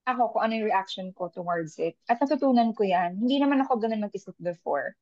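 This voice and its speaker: A woman shares her experience as a working mother in an unhurried podcast conversation, often pausing and restarting her thoughts. The sound is dry and dull, like a lo-fi mic. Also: medium pitch, expressive, a little mellow, dry recording. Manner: thoughtful, mixes Tagalog and English, many restarts. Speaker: panel guest; working mother of young kids. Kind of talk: casual reflective podcast chat.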